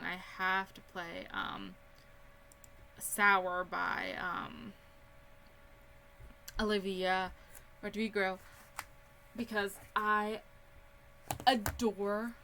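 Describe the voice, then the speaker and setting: Young woman chatting thru a sims build tour, bright voice, lots of ums, faint background hum. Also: mid-range voice. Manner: chatty, rambling with many ums. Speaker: Sims gaming YouTuber. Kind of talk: casual game build tour.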